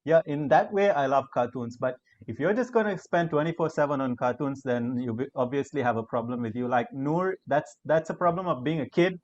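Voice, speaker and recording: A man's voice: mid-range voice, fairly quick, hardly any pauses. Young man chatting over lo-fi audio. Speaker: student council member. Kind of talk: casual group chat on a livestream.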